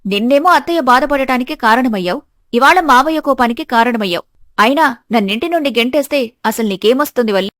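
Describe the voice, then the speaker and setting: Woman as a meek cartoon daughter-in-law, earnest, fairly high voice, dry. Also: animated, quick pace, no room sound. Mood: defiant. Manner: earnest, pleading. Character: meek but steadfast young daughter-in-law. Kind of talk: animated storybook voice acting.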